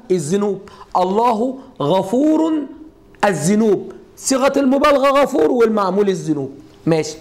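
Egyptian guy teaching grammar, fairly high voice, asks the class stuff constantly, middle-aged. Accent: Egyptian Arabic. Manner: explains step by step with repeated rhetorical questions to students. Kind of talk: classroom lesson at a whiteboard.

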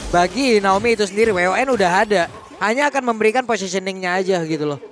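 A man's voice: sits high, fast, fairly bright tone, soft background music. An Indonesian man giving commentary on an esports match.

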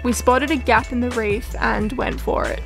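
A woman's voice: fairly high pitch, fairly even intonation, moderate pace, gravelly, a bit bright. A young woman narrating a casual sailing vlog, chatty and a little nervous, sometimes poking fun at herself. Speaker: sailing vlogger. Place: outdoors on a sailboat at sea in wind. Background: music and waves.

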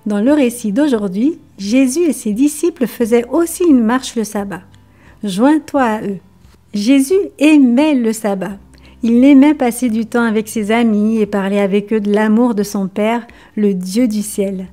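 A woman presenting a children's Bible lesson, reading a story in a steady, clear way. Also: on the high side, a little slow, soft background music.

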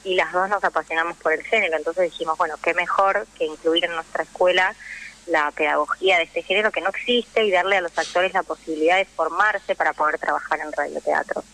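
The recording is rough, catching a woman with a low-leaning voice that sounds pushed and bright, delivered fairly quickly in a steady tone. An actress and radio drama teacher with a Rioplatense Argentine Spanish accent, she's a guest on a radio interview, chatting and explaining at length.

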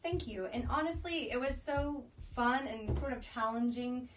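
A woman in her twenties, interviewed as an actress, chats casually while seated in an armchair in a small indoor room. Her voice is on the high side at normal speed. A distant microphone catches slight background noise.

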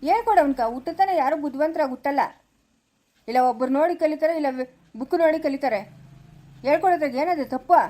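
A stern but caring old village grandfather, played by a woman, lectures in a firm voice with a rural Chikkaballapura Kannada accent. The voice sits high and the words come fast. It is a homemade village family skit. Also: mellow, lightly acted. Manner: scolding, advising in a firm lecturing tone.

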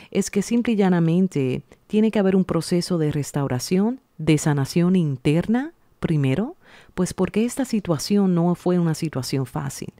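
A woman reads tarot cards at a table, speaking straight to the viewer in an unhurried, reassuring manner. Her voice is mellow and fairly low, recorded dry and close with no room sound. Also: no echo. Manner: slow, soothing, reassuring, speaks directly to the viewer. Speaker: tarot reader. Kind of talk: tarot reading to camera. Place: indoors at a table, hands seen laying out cards.

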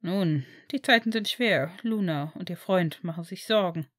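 A woman voicing an eccentric middle-aged man who is gentle and formal, in an audiobook reading of fan fiction. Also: on the low side, no echo, studio quality, natural voice. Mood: courteous. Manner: measured, formal and courteous.

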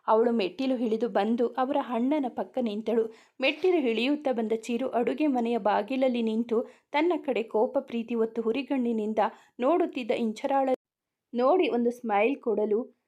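A woman storyteller giving steady scripted narration of a romance story. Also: fairly high pitch.

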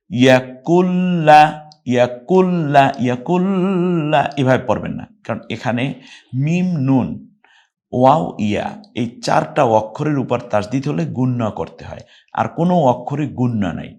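A man teaching Quran recitation who spells out syllables letter by letter and breaks into long, drawn-out chanted words between his explanations. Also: on the low side, darkish tone. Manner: spells syllables letter by letter and repeats them patiently. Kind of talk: explaining Arabic letters and pronunciation rules in a recorded lesson.

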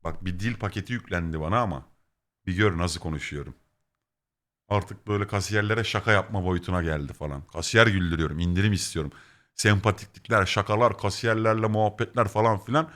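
A man's voice: low-pitched, fast. A young man casually telling funny stories to his viewers, swearing and acting out the dialogue. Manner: animated, swearing, acts out quoted exchanges. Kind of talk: casual storytelling to chat.

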